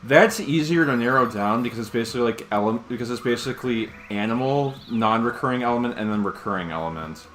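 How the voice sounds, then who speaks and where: A young man co-hosting a casual chat, blunt and quick to swear, stumbling over his words. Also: medium pitch, fairly bright tone, faint music behind. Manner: blunt, swears a lot, stammers.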